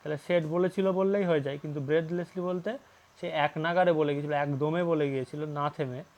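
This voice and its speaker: Male teacher, slightly high voice. Reads English sentences slowly, explains with questions. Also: fairly even intonation, darkish tone. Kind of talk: English grammar lesson in Bengali.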